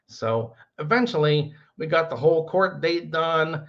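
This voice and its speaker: A middle-aged man telling a rambling landlord story, acting out quotes in sudden shouts. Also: a little high, animated, measured pace, vocal fry, lo-fi sound. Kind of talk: casual storytelling vlog.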